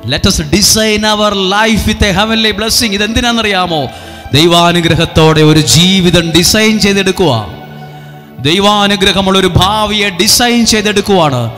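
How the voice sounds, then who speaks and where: A priest leading a revival sermon, coaxing the crowd with repeated call-and-response lines. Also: male voice, high-pitched, sharp tone, long reverb tail. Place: retreat centre hall.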